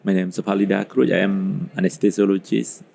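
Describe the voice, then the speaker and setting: A woman from Cambodia, a guest giving brief, soft-spoken answers. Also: rumbling low, fairly even intonation, a little fast, vocal fry, a little hiss or hum. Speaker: guest anesthesiologist. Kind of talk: conference interview.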